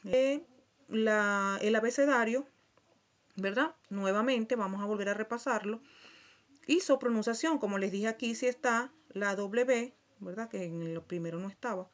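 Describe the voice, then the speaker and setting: A woman's voice: mid-range voice, normal speed. A woman teaching a Portuguese lesson in Spanish, going through the alphabet letter by letter and often checking in with "¿verdad?". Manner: patient, checks in with frequent "¿verdad?"; spells out letters one by one. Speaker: language teacher. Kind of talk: slide-based Portuguese lesson for Spanish speakers.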